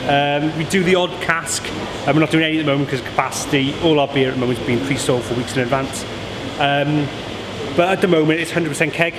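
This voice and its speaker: A fairly high-voiced man chats informally as a brewer giving a tour. His voice rings around an echoey room, with clear machinery noise behind him. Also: steady tone, quick pace. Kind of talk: informal interview answers. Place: inside an echoey working brewery.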